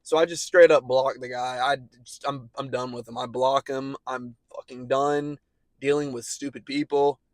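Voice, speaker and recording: A young man telling a story as a casual, profane rant full of slang, dropping quiet at times. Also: medium pitch, fairly even intonation, normal speed, dry recording. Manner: profane, ranting, slangy, often trails off quietly.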